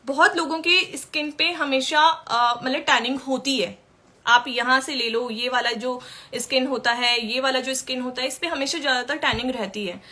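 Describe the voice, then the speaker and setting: Woman makeup artist, live-stream tutorial, bright tense voice, slightly high, chatty and instructive. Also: fairly even intonation, normal speed. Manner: chatty, instructive, answers viewer questions.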